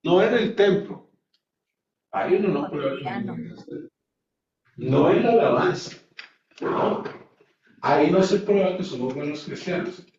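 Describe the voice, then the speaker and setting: A man gives a sermon-like Bible lesson in an expressive, a little mellow voice that sits a little high, speaking a little slowly and pausing often. He stresses his points and questions listeners rhetorically; the distant mic sounds echoey and dull.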